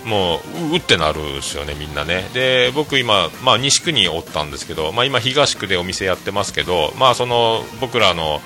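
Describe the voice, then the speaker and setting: Speaking low and fairly quickly with few pauses, the middle-aged restaurant owner from Fukuoka hosts his solo talk stream as faint music plays. His storytelling rambles, full of fillers and vivid quoting.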